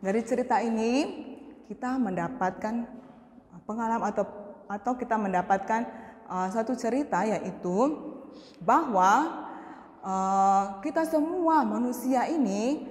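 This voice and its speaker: A woman telling a moral story to schoolchildren in a school chapel, animated and speaking directly to the kids, her voice echoing in the hall. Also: a little high, measured pace, long pauses. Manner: animated storyteller addressing children. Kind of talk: children's chapel story and sermon.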